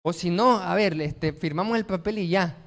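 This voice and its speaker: High-voiced emphatic preacher man. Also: moderate pace, in a large hall. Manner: emphatic, asks rhetorical questions and answers them. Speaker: pastor. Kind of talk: sermon.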